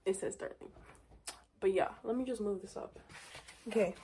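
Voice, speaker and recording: A teenage vlogger rambles through a casual day-in-my-life video with lots of filler words, filmed on a phone camera propped up in her small bedroom. Her medium-pitched voice is gravelly and dark and a little slow, with slight background noise.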